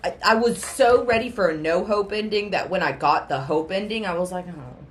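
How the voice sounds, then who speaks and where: A woman's voice: medium pitch, a little fast, slight background noise. A woman co-hosting a podcast, chatting casually about movies in a gushing, blunt way. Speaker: podcast co-host.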